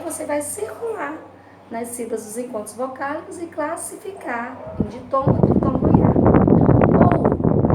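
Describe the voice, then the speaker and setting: A Brazilian woman teacher giving a remote class from home, going through a grammar exercise patiently, checking in with the students and drawing syllables out slowly. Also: high voice. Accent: Brazilian Portuguese. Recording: roomy, distant home recording with loud background noise.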